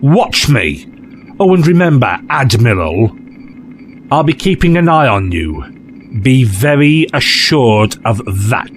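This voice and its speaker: Jaunty, animated man playing the Doctor, a time-traveller. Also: medium pitch, slow, slight background noise. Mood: coolly warning. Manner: jaunty, theatrical, teasing. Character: breezy, cheeky alien time-traveller, playfully teasing adventurer. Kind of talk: audio drama acting.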